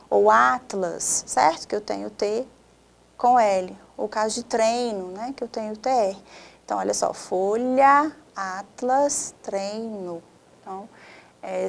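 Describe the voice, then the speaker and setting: A woman teaching Portuguese language in a video lesson, slowing down to stress example words and often checking in with "certo?". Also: mid-range voice, darkish tone, slight background noise. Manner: frequent "certo?" check-ins.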